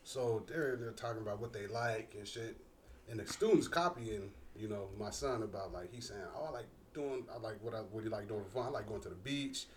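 A man's voice: on the low side, brisk, a little hiss or hum. A man telling a story in loose, profane casual chat with friends, acting out the voices of the people he quotes. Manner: animated storyteller, acts out quoted voices, laughs often. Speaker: podcast co-host.

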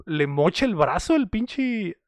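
A man's voice: high voice, sing-song, slow, dry recording, clean studio sound. A young man with a Mexican accent, casually retelling a film's scenes with slang and quoted lines. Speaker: podcast co-host. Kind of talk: casual movie recap chat.

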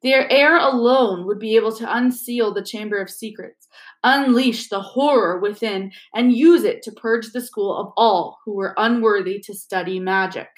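A woman's voice: medium pitch, normal speed, echoey room, lightly acted. A woman voicing an old ghostly male history teacher with a dry, reedy voice who lectures and dismisses questions impatiently. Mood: lecturing.

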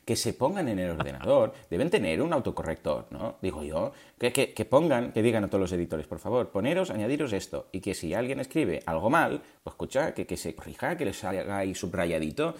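A man with a fairly low voice co-hosts a podcast. He jokes easily and keeps chiming in with quick agreements. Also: big pitch swings. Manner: joking, with frequent short agreements. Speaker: podcast co-host. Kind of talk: casual podcast chat.

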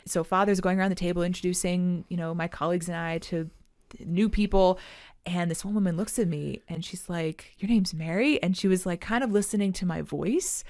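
A woman's voice: lowish voice, brisk, a little mellow, dry recording, clean studio sound. A woman co-hosting a parish podcast, chatting casually and telling stories animatedly with many fillers. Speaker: podcast co-host. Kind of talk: casual chat.

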